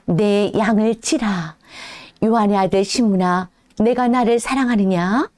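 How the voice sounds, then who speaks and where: A woman voicing Jesus as a calm, solemn grown man in a children's Bible story, speaking slowly and gently. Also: medium pitch, pitched below the performer's own voice, close to an everyday voice. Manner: slow, gentle, grave speech.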